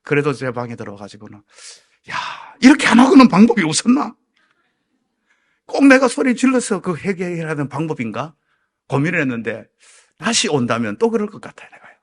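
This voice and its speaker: A middle-aged male pastor preaching an evening church sermon, telling a personal story in an animated way and acting out his own shouting and the lines of others. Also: a little high, a little fast.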